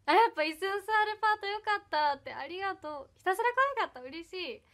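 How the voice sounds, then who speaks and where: Young woman, Iyo dialect with Kansai touches, high and bright, bubbly livestream chatter. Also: expressive, quick pace. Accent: Iyo dialect with some Kansai. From Ehime, Japan. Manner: bubbly, giggly, thanks viewers one by one. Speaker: idol livestreamer. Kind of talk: casual livestream chat reading comments.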